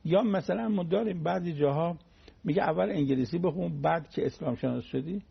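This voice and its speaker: Man with a gravelly husky voice doing a folksy religious radio talk, all anecdotes and examples, dull lo-fi sound. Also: a little high. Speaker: cleric giving a religious talk.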